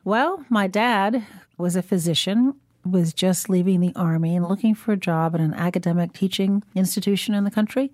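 Woman, 60s, born in Iran, interview guest, composed, lowish voice, dry sound. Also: darkish tone, no room sound. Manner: composed, articulate storytelling.

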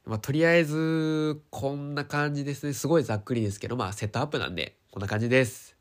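A male podcast host speaks at a middle pitch with a clearly nasal, stuffy-nosed voice. He explains things casually on his own, feeling his way through each point in an informal, slightly hesitant manner. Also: fast talker. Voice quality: nasal, congested. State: stuffy nose from hay fever. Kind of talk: casual explanatory solo talk.

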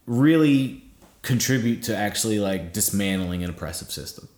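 A man's voice: fairly low pitch, animated, normal speed, a little mellow. An American man in casual discussion as a podcast co-host, explaining things, checking for agreement and swearing freely. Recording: roomy, echoing sound.

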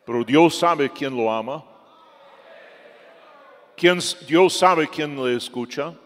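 A man's voice: a little high, slow. Emphatic man preaching a sermon. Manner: emphatic, swings from loud to soft. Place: church hall. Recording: long church reverb.

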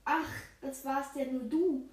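A woman's voice: high voice, fairly even intonation, slow pace, a little mellow, reverberant, slight background noise. Woman doing a jumpy little animal sidekick. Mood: sheepish. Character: small timid four-legged animal sidekick, male.

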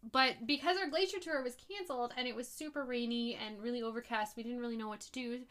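Female co-host, slightly high-pitched, enthusiastic casual chat. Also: quick pace, fairly bright tone. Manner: gushing, enthusiastic. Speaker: podcast co-host. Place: on a bed at home with pets.

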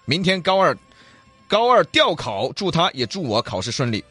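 Animated Sichuanese man hosting radio banter. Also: a little high, moderate pace, breathy edge, no echo, faint music behind. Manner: colloquial, joking, animated. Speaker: radio talk show co-host. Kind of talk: casual banter, reading listener stories.

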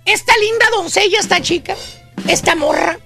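A Mexican man hosts a radio comedy bit in a strikingly high, squeaky voice. His tone is bright and a little gravelly, and he keeps the storytelling broad and exaggerated. Music plays softly behind him. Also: moderate pace. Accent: Mexican Spanish. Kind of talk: comic radio monologue.

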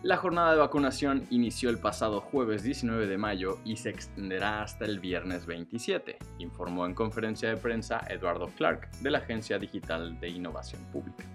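A man's voice: on the low side, normal speed, few pauses, a bit bright, faint music behind. A man with a Mexican accent reads scripted news as a podcast host, with casual slang and emphatic phrase openings.

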